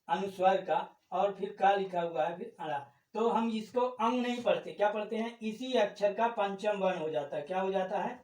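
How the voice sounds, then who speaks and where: High-voiced male teacher in an echoey room. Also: darkish tone, recorded from a distance. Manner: asks the class questions and answers them himself; explains step by step, repeating terms. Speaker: Hindi grammar teacher. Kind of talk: classroom-style lesson.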